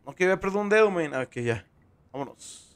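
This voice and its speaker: A man's voice: high voice, animated, fast talker, clear, resonant tone. A young man with a Mexican Spanish accent, commentating his horror gameplay in slangy, joking casual talk. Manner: joking, slangy, tags lines with "men". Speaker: streamer playing a horror game.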